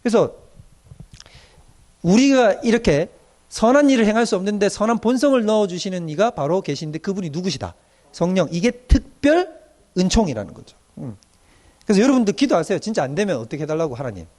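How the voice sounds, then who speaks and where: Animated middle-aged male pastor preaching. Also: sits high, fairly quick. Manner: animated, acts out quoted young people in dialect. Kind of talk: sermon lecture on doctrine.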